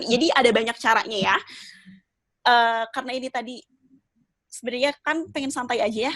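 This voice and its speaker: Female trainer, slightly high register, conversational and encouraging teaching delivery, dry recording. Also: fairly bright tone, no echo. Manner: conversational and encouraging, with rhetorical questions. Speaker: public speaking trainer. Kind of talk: informal training talk addressed to learners.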